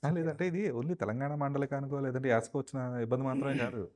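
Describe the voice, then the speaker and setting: A man hosts the interview at a quick clip and speaks at a middling pitch. He prompts his guest briskly and readily agrees with him. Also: steady tone, darkish tone. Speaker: interview host. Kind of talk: interview questions and comments.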